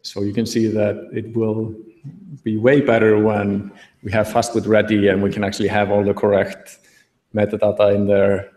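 A man's voice: lowish voice, normal speed. Laid-back man speaking on a hall stage. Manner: relaxed, thinking aloud with fillers. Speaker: conference speaker. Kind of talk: tech meetup talk. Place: large auditorium stage. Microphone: podium mic, recorded from the hall. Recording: echoey hall.

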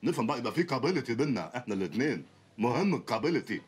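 A man's voice: medium pitch, big pitch swings, racing, breathy edge. An actor with an Egyptian accent playing a brash, poor male lawyer who teases and bickers in comic banter. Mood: scolding. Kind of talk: film comedy acting.

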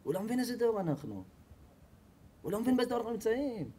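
Man, rabbi's sermon, high voice, lively storytelling, acts out quoted voices. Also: slightly rough. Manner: expressive storyteller, acts out quoted people with loud high shouts. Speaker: rabbi giving a Torah class. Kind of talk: animated sermon.

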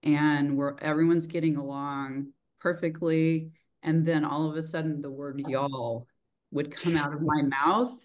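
A middle-aged woman from rural Texas chats casually on a video call, her voice sitting low with a steady, unhurried tone and a mild Texan accent. As interviewer and host, she sounds reflective and informal, saying "like" often. The mic picks her up at desk distance in a small indoor room.

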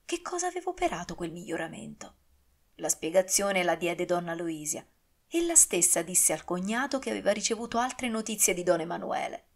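A woman reading an audiobook as narrator, calm and steady. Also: lowish voice, a little fast.

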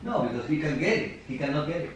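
A man's voice: fairly high pitch, lively intonation, fast talker, recorded from a distance, background noise. A man chatting casually and briefly with his partner at home. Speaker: vlogger's partner. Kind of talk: casual chat. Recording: very echoey room with music behind.

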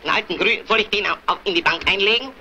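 An actor playing a fussy, excitable older bank cashier who talks in a pompous, lecturing way, in early sound-film acting, on a hissy, muffled 1930s film soundtrack. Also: male voice, high voice, full character voice. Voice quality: pompous, lecturing, fast and fluttery when agitated.

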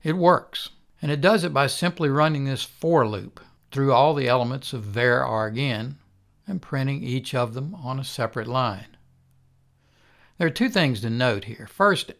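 An older man instructor giving a calm, methodical recorded programming lecture. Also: medium pitch, a little slow.

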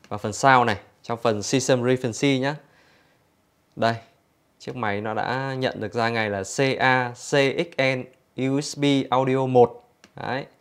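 Man, infomercial-style product demonstrator. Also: mid-range voice. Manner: conversational, explanatory, addressing customers. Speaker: product demonstrator for an audio store.

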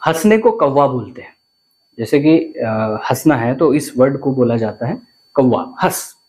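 A man's voice: medium pitch, expressive, unhurried, a little mellow. A man, teaching vocabulary to viewers and often repeating words and asking questions. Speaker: language teacher.

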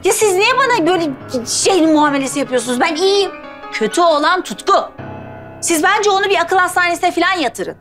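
Sitcom wife: high, lively, bright, stubborn and upset. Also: female voice, fairly quick, faint music behind. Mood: agitated. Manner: agitated, repeating herself insistently. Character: Meltem, distraught wife insisting she is calm. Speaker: sitcom character. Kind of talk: TV sitcom acting.

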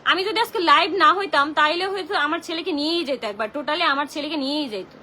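A woman's voice: high-pitched, fast, bright, forceful tone, a little hiss or hum. A young woman venting on a phone livestream, heated and indignant and full of rhetorical questions. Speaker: social media livestreamer. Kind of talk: livestream rant.

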